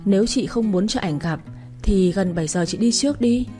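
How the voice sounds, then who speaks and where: A woman's voice: mid-range voice, moderate pace, dark tone, soft background music, natural voice. A woman doing a coaxing, insistent friend.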